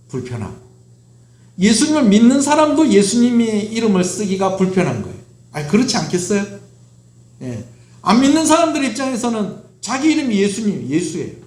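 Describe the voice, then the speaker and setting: In a church sanctuary with a roomy echo, a middle-aged pastor delivers a sermon in a high-sitting, somewhat dark voice. He poses questions to the congregation and then answers them himself.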